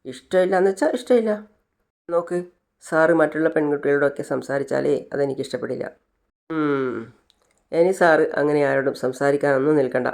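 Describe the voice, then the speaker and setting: A woman's voice: deep voice, a little fast, creaky, long pauses, a little mellow. A narrator retelling a TV serial scene, voicing a jealous, possessive young woman who scolds sharply. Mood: jealous scolding.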